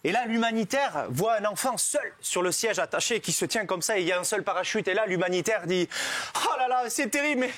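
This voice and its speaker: A man telling a joke on a comedy show in a steady storytelling way. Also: sits high, fairly quick, hardly any pauses, no room sound.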